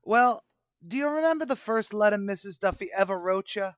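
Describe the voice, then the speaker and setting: Man playing Archie, high-voiced brash tavern manager. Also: expressive, a little fast, no room sound, studio quality. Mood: brash, bluffing. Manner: wisecracking, mock-grandiose. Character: brash, slangy, bluffing male tavern manager. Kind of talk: old-time radio comedy acting.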